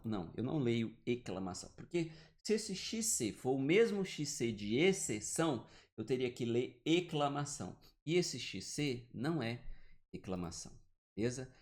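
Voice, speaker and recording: A man's voice: mid-range voice, darkish tone. A man giving an online grammar lesson, explaining step by step and often checking in with the listener. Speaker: teacher. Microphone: computer mic, drawing with the mouse.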